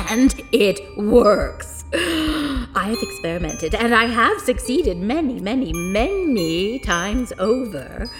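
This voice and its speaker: A woman host, playfully dramatic. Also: high-pitched. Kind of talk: show break announcement.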